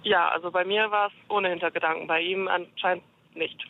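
A woman's voice: lowish voice, steady tone, a little fast, dry recording. A woman calling into a radio show on a hands-free phone from her car, answering in short, hesitant bits with fillers. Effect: hands-free phone call from a moving car. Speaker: caller. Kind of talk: call-in radio chat. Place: car on the road. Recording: dull lo-fi phone line.

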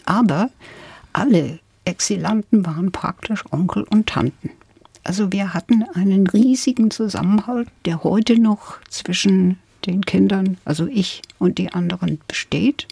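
Older lady guest on radio, gravelly low-warm voice, reflective, dry studio sound. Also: no echo. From England. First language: English. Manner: reflective, measured storytelling. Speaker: guest, literary scholar. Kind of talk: radio interview conversation.

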